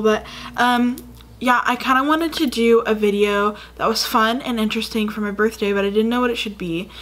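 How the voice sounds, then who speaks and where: A woman's voice: a little high, a bit bright. Chatty young woman, rambling vlog. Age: 20s. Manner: chatty and rambling, many fillers. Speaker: YouTuber. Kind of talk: casual storytelling vlog. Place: dim room indoors.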